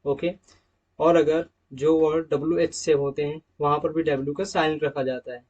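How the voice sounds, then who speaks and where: Guy doing an english lesson, pitch on the high side, says each example word twice, muffled lo-fi audio. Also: flat delivery, normal speed, a little mellow. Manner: explains each rule in Hindi, repeating example words. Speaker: English teacher. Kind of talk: slide-based pronunciation lesson. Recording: dull lo-fi sound.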